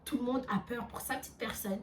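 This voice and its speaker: A young woman vlogger telling a storytime, animated and chatty with lots of fillers. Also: on the high side, brisk, far from the mic, slight background noise. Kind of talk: storytime vlog.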